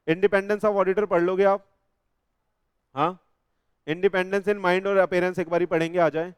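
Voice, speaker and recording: A man teaching a classroom lecture, often checking whether his students follow and reading definitions slowly, word by word. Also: sits high, clear, resonant tone, no room sound, clean studio sound. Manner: talks straight to students, asks if they follow, reads definitions slowly.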